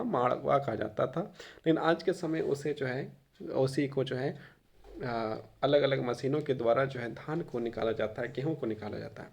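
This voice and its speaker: A male Hindi teacher who reads a textbook passage aloud and then explains it in casual spoken Hindi, often pausing on filler phrases and sometimes coughing. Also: a little high, vocal fry, a little mellow. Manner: occasional coughs. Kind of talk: reading and explaining a textbook chapter.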